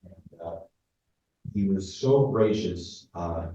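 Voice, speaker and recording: A man's voice: low voice, lively intonation, slow pace, warm tone. A middle-aged man with a New Jersey accent, a martial arts teacher telling a memorial tribute in an anecdotal, self-deprecating way. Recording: echoey, distant, muffled with faint noise.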